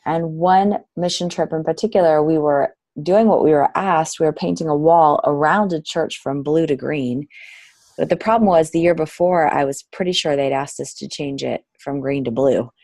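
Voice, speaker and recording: A woman's voice: deep voice, normal speed, mellow, dry recording, low-quality recording. A middle-aged woman, a nonprofit director, telling her story earnestly as an interview guest.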